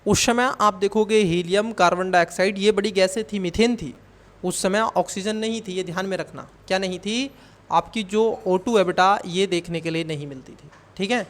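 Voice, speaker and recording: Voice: mid-range voice, normal speed, fairly bright tone. A coaching teacher explaining exam questions, who calls the students child and asks and answers their own questions.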